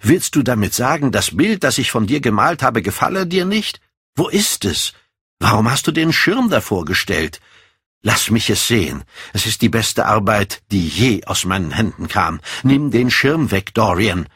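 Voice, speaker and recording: A man reading an audiobook, voicing an earnest, devoted middle-aged painter who gently insists. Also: lowish voice, expressive, a little slow, hardly any pauses, slightly rough, no room sound, studio quality, heavily acted.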